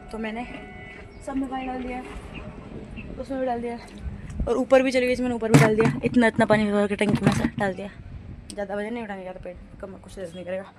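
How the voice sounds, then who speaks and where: A woman's voice: medium pitch, background noise. Chatty young woman vlogging chores. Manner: chatty, self-narrating chores, laughs at herself. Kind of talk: casual home vlog chat. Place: home rooftop and garden area.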